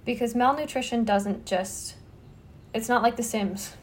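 A woman's voice: fairly high pitch, unhurried. Chatty woman host telling a case. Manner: conversational storytelling, frequent "like" fillers. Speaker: podcast host. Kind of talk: casual true-crime chat.

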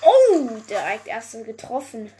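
Excitable young woman gaming, slow talk. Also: fairly high pitch, a little hiss or hum. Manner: excitable, swearing, exclaims and groans often. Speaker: gaming video creator. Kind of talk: casual gameplay commentary.

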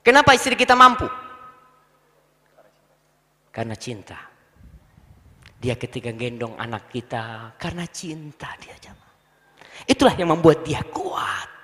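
Animated preacher man in a reverberant hall. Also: measured pace, pauses often. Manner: animated, swings from low murmurs to high emphatic bursts. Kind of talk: sermon.

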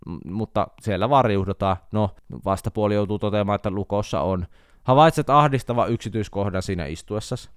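Low, smooth-voiced man telling a wry story. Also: dry recording, clean studio sound. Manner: wry, self-mocking storytelling with animated outbursts. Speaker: podcast host. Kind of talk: casual comic monologue.

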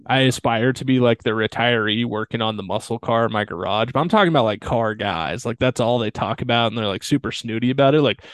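A young man in casual podcast chat, ranting with sarcastic mock quotes. His mid-pitched voice is recorded close and dry, with no room sound. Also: fast, hardly any pauses, dry recording. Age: young adult. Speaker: podcast co-host.

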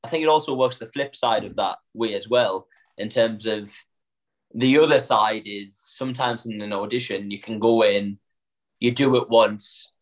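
Low-voiced young Northern English man. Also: moderate pace. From Northern England. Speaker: actor. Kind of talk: casual chat.

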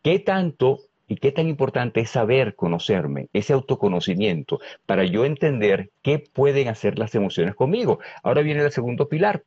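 Venezuelan man, lively speaker, husky and low, dry dull recording. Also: normal speed, hardly any pauses, dry recording. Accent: Venezuelan Spanish. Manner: lively, asks many rhetorical questions. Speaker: guest speaker on emotional intelligence. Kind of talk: animated explanatory talk with rhetorical questions.

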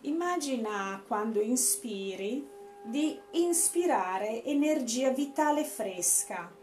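A woman leading a guided breathing meditation as an instructor, speaking in a deliberate, instructive way with pauses. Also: a little high, animated, darkish tone. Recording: echoey room, faint background noise.

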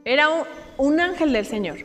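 A woman's voice: sits high, normal speed. A young woman teaching a Bible study in a church, asking her listeners questions as she goes. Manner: animated, asks the group questions. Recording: hall reverb with faint music.

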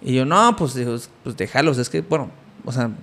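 A man's voice: medium pitch, lively intonation, brisk, fairly bright tone. A young man with a Mexican Spanish accent, telling a story in casual chat, rambling with many fillers and restarts.

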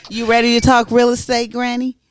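A man's voice: very high-pitched, no room sound. A man on a podcast asking upbeat, teasing questions in casual chat.

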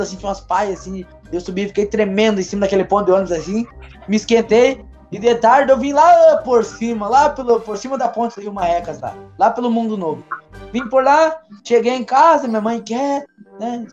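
A man from Paraná, telling a childhood story in a casual podcast chat, acting out the voices in it. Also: sits high. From Paraná, Brazil. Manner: animated storyteller, acts out voices in anecdotes. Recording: dull recording with faint music.

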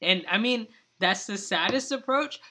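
A man's voice: sits high, animated, moderate pace, bright, forceful tone. A man co-hosting a podcast, arguing politics in a heated, rambling way, full of "like" and "I mean". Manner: impassioned, rambling, many "like" and "I mean" fillers. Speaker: podcast co-host. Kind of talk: casual political debate.

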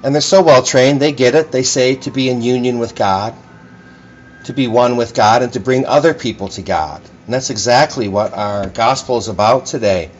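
A man's voice: mid-range voice, moderate pace, lo-fi sound, slight background noise. A man speaking as a priest at Mass, addressing a congregation in scripture reading and sermon.

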